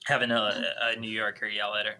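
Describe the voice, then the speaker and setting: A man with a Minnesotan accent, a podcast guest chatting casually over a video call, talking haltingly with many restarts. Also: fairly low pitch, completely flat delivery, sharp tone. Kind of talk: casual chat.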